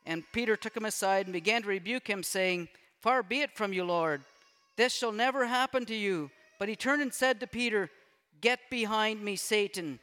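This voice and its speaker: A man's voice: sits high, normal speed, sharp tone, smooth. A man preaching a sermon, reading scripture aloud and breaking off for casual asides to the congregation. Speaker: pastor. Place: church sanctuary. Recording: long church-hall reverb.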